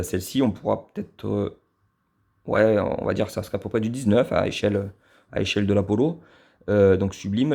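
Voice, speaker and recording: A man's voice: lowish voice, vocal fry, mellow. A man from southern France with a southern French accent, casually reviewing his die-cast model cars, hesitant with many fillers and restarts, fond and admiring.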